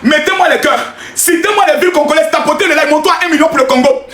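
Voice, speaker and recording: Male streamer, high bright voice, exuberant shouting and laughing, echoey room. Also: fast talker. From Cameroon. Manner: exuberant, shouting, laughing, sing-song preaching. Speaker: live streamer. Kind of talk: excited livestream reaction.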